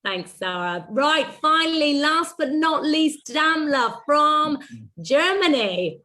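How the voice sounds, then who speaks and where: A woman's voice: high-pitched, expressive, takes it slowly, pushed and bright. A woman hosting an online networking event, encouraging and chatty. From United Kingdom. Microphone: video call microphone.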